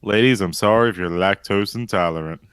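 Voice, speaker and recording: A man's voice: lowish voice, a little fast, a bit bright, clean tone, no room sound, studio quality. A man co-hosting a casual podcast, rambling and hesitant, poking fun at himself. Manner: rambling, hesitant, self-deprecating. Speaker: podcast co-host.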